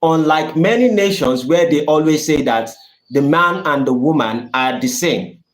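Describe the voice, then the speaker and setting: A man's voice: fairly high pitch, expressive, measured pace. A man with a Nigerian accent talking earnestly on a livestream, repeating phrases to press his points. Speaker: channel host. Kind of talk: livestream talk reading viewer donations. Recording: roomy echo.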